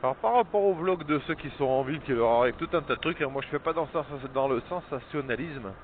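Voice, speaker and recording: A man's voice: a little high, phone-quality sound, slight background noise. Man talking inside a motorbike helmet. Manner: chatty, halting, many fillers. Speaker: crane operator. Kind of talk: casual vlog while riding. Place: outdoors on a small motorbike.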